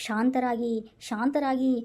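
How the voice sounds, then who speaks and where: A woman's voice: sits high, steady tone, takes it slowly, dark tone. A woman voicing an exasperated young wife in a comic skit, soothing and scolding her husband.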